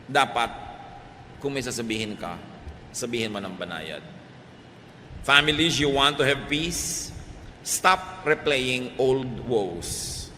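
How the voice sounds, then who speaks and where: A middle-aged Filipino man preaching a sermon, shifting between Tagalog and English and swinging from loud emphasis to soft, quiet lines. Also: medium pitch, animated, takes it slowly, pauses often, a little hiss or hum. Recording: reverberant hall, faint ambience.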